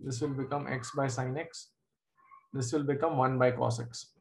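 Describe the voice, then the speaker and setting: A man's voice: medium pitch, steady tone, normal speed, creaky. Man, middle-aged, Indian accent, maths teacher, live online lesson, informal, often asks short questions. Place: indoors at a desk, screen-share video class.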